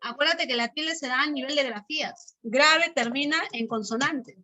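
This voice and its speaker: A woman teacher, her voice high and bright. She works through the lesson step by step and repeats the key terms. She keeps checking in with her class through short questions. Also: moderate pace, low-quality recording.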